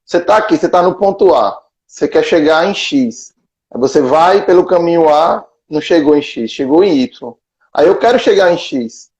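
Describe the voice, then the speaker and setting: A man's voice: on the high side, lively intonation, moderate pace, darkish tone. A man hosting a casual live chat, laying out his ideas step by step, heard through dull lo-fi stream audio. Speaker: host.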